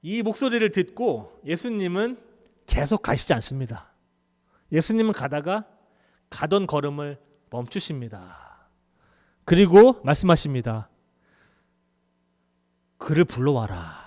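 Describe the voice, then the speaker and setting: A male pastor preaching in a church, his high voice leaping up and down as he tells the story like a conversation. The sanctuary adds a long reverb tail to every phrase. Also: measured pace. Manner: conversational, animated storytelling with laughs. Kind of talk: sermon.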